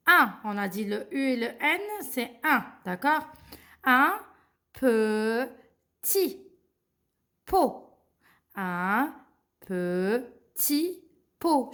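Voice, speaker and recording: A young woman with an Algerian accent teaching children to read, spelling words out slowly and carefully and checking in with them often. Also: a little high, a bit bright. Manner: slow, carefully spelled-out pronunciation with friendly check-ins. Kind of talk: children's reading lesson.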